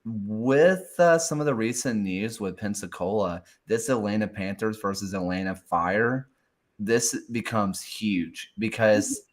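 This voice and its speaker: A man's voice: fairly low pitch, a little slow. A man co-hosting a soccer show in casual chat, hesitant, often trailing off and restarting his thoughts.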